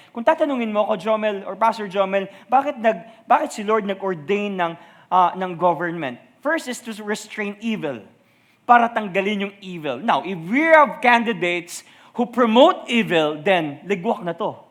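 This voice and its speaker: Filipino man, pastor, high voice, lively sermon that questions the congregation. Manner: switches between Tagalog and English, animated preaching with audience questions.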